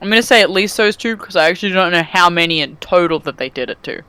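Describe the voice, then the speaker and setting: A man's voice: high-pitched, lively intonation, fast talker, sharp tone, slight background noise. A man playing a tabletop game, chatting casually with sarcastic quips. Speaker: player.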